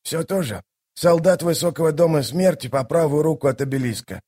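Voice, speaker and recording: A man's voice: fairly high pitch, a little fast, warm tone, pitched above the performer's own voice, natural voice. A man voicing a defensive, fussy male soldier-mage who mutters and sighs as he explains. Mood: explaining. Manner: muttering, sighing.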